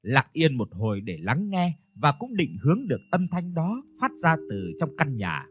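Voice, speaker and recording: A male storyteller narrating a ghost story in a scripted reading, with soft instrumental music behind him. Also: fairly high pitch, huge pitch swings, moderate pace. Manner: storytelling, voices the characters.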